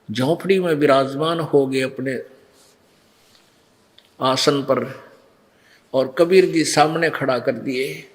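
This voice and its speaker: Slow-talking man preaching. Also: fairly high pitch. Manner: slow storytelling that acts out the figures' lines. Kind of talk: devotional storytelling sermon.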